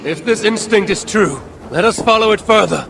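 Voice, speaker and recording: An actor playing a proud, brooding Norse god king in a video game, speaking with solemn, archaic formality in a gravelly voice. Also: high-pitched, lively intonation, normal speed, noisy background. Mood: grave, steady. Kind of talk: dramatic game cutscene acting.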